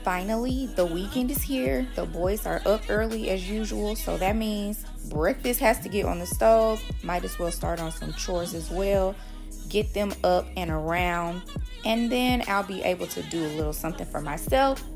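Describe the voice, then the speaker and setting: A young woman chatting to her phone camera in a parked car, casual and expressive with slangy asides. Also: medium pitch, normal speed, gravelly, music in the background. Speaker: lifestyle vlogger. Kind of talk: casual vlog narration. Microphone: phone camera at arm's length.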